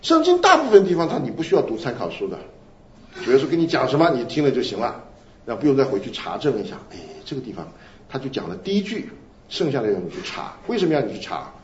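A man preaching a sermon, animated, asking his listeners questions and answering them himself. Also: mid-range voice, quick pace, slight background noise. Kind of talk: sermon teaching. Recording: roomy, dull lo-fi recording.

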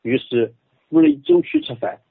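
A modest, quiet man from Henan speaking in Henan dialect as a radio co-host, reading aloud. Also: very high-pitched, wildly swooping pitch, moderate pace, creaky, no echo, phone-quality sound. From Henan, China. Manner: modest, quiet, laughs shyly.

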